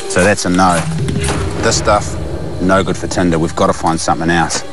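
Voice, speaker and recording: A man's voice: deep voice, steady tone, normal speed, loud music behind the voice. A man with a broad New Zealand accent chatting casually and bluntly in matey slang outdoors. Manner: laid-back, matey, blunt slangy talk. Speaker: survival show adventurer. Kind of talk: casual unscripted chat and on-camera commentary. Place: outdoors on a river and in wetlands.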